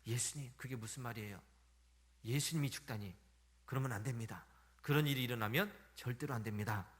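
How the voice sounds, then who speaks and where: A preacher doing an impulsive, protesting disciple. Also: male voice, mid-range voice, fairly quick, fairly bright tone, close to an everyday voice. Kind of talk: sermon retelling with quoted speech.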